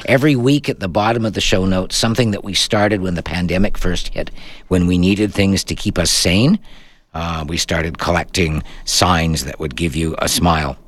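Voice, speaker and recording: A man's voice: low-pitched, fairly even intonation, moderate pace. A man from Canada hosting a radio tech talk show, chatting casually and explaining steps plainly.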